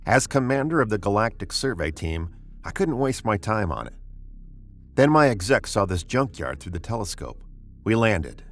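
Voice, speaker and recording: In a 1950s radio drama, an American actor plays a brusque, impatient, middle-aged spaceship commander who is commanding and sardonic. His male voice sits on the low side, with a little hiss or hum in the recording.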